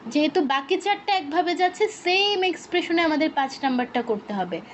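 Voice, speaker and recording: A woman teaching Sanskrit pronunciation in an online lesson, patiently asking questions, answering them herself and repeating sound drills slowly. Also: high voice, expressive, slight background noise.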